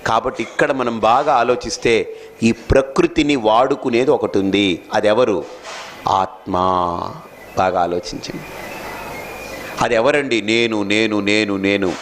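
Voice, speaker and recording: A man's voice: mid-range voice, unhurried, long pauses, a little hiss or hum. A man giving a spiritual discourse, who asks his listeners questions and answers them himself, stressing key lines. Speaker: spiritual teacher. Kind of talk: sermon.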